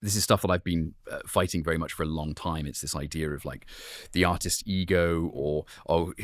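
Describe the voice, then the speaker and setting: A man's voice: a bass voice, fairly even intonation, fairly quick, no echo, studio quality. A sculptor on a debate panel, a man who speaks emphatically and pushes back in a conversational way.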